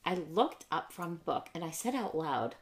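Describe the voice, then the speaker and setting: A woman in her thirties co-hosting a casual podcast chat about books, enthusiastic and chatty with quick asides. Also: deep voice, very animated. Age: 30s. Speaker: podcast co-host.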